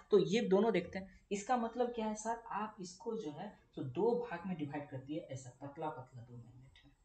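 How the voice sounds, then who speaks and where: A man's voice: a little high, a little hiss or hum. A young male physics teacher, lecturing chattily and answering his own questions for the students. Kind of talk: classroom lecture. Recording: echoey room.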